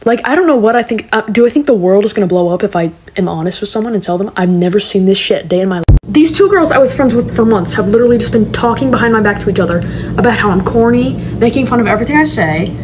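A woman's voice: mid-range voice, lively intonation, fast talker, background noise. A teenage girl talking straight to camera in a casual vlog, ranting sarcastically and slipping into mocking voices as she tells stories. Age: teens. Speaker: TikTok creator.

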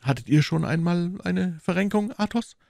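A big, boastful musketeer with a hearty appetite, played by a man reading aloud. He speaks loudly with a raised pitch, cheerful and full of swagger, close and dry. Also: expressive, normal speed, vocal fry, no room sound. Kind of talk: audiobook character reading.

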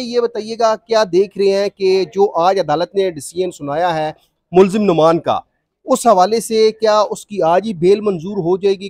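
A news reporter, a man with a notably high voice, puts pointed, leading questions to his guest. The sound is dry and close to the mic. He talks in the steady way of field reporting. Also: no echo.

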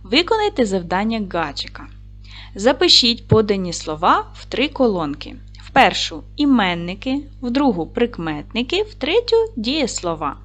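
A woman teaching a recorded lesson for young children, speaking clearly and slowly with encouraging praise. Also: a little high, sing-song, a bit bright. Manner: clear, slow, encouraging classroom delivery. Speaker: primary school teacher.

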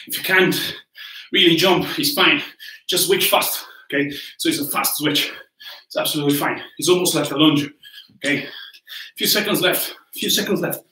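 A man's voice: a little high, fairly even intonation, moderate pace, pushed and bright. A man coaching a home workout, cheerfully counting down and cueing each move while getting out of breath. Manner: upbeat, encouraging, counts down and cues moves while exercising. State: breathing hard between moves. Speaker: fitness coach. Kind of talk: live home workout instruction. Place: warm room at home, indoors. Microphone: laptop camera from across the room. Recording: roomy echo from a distant mic.

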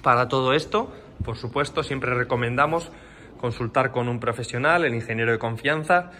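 A man's voice: medium pitch, moderate pace, bright, forceful tone, slight background noise. A man, a custom motorcycle builder, giving a detailed casual walkaround of a bike in an indoor workshop, filmed on a handheld phone. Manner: explanatory, detailed, pointing out parts as he goes. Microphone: handheld phone camera.

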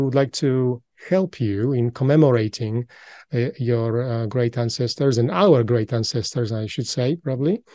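A man with as his hosting an interview, asking polite, appreciative questions with lots of pauses and fillers. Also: medium pitch, dark tone, no room sound. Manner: hesitant, many fillers and restarts, polite and appreciative. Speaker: interviewer and channel host.

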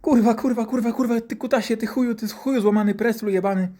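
A man's voice: high-pitched, wildly swooping pitch, measured pace, mellow, husky, pitched above the performer's own voice, exaggerated voice. A man voicing a terrified, foul-mouthed little boy who squeals and swears in panic. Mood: panicked.

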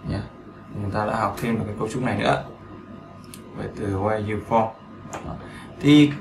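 A man's voice: medium pitch, gravelly, a bit bright, slight background noise. Male teacher for a beginner English lesson, patient and repetitive, recorded in a roomy space. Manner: patient, repetitive explaining with frequent check-in questions.

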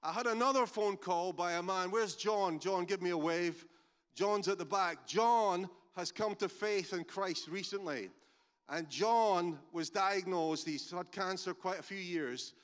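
A Scottish man leads a church service as its pastor, his voice sitting high for a man. He preaches emphatically in a conversational way, moving between stories and prayer. The sound carries the long reverberation of a large church hall. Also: unhurried, a bit bright, clean tone. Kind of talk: sermon with storytelling and prayer.

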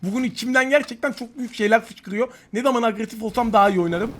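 A man giving live gameplay commentary, excitable and taunting his opponents while he talks to viewers. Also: very high voice, quick pace. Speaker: gaming YouTuber. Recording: game gunfire loud behind voice.

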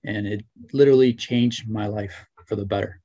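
A man's voice: on the low side, fairly even intonation, normal speed, dark tone, slightly rough, muffled recording. A young man speaks earnestly into a laptop mic from a small room at home. He talks casually and gratefully, with plenty of filler words. The sound is dry and close, with no room echo. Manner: earnest, grateful, many fillers like "you know" and "right". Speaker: interview guest, former student. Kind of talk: video call interview, casual. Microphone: webcam or laptop mic on video call.

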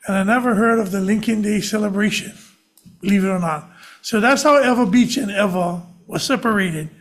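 A man's voice: sits high, a little fast. A middle-aged man, a senator, making chatty, informal remarks at a desk microphone in a hearing.

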